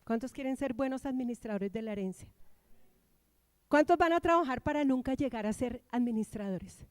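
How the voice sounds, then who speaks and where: A woman pastor from Colombia preaches with emphatic rises and drops. Her voice sits high and is heard close and dry, with little room sound. She keeps prompting the congregation to repeat her lines. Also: lively intonation, moderate pace, a little mellow, clear, resonant tone, no room sound. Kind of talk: sermon. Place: church.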